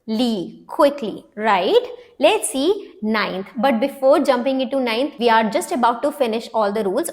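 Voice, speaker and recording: Indian lady phonics teacher, high pitched, talks slow and clear, switches hindi and english. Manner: mixes Hindi and English, asks "right?" often. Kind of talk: online phonics lesson.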